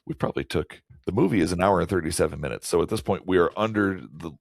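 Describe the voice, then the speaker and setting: A man with a very deep voice and a gravelly edge, co-hosting a podcast. He rambles in casual, joking chat, and the recording is dry and close. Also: quick pace, no echo. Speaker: podcast co-host.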